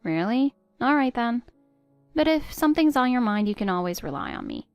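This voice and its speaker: A woman voicing a patient, hurt middle-aged stepmother who pleads gently with her stepdaughter. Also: fairly high pitch, big pitch swings, a little fast, clean tone, dry recording, faint music behind. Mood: pleading. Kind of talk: text-story voice acting.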